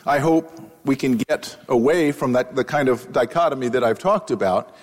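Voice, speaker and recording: A mid-pitched man with a breathy edge talks at normal speed, giving a comic public lecture as an economist. Miked up on stage, he delivers a wry anecdote at his own expense, and the live hall adds a long reverb.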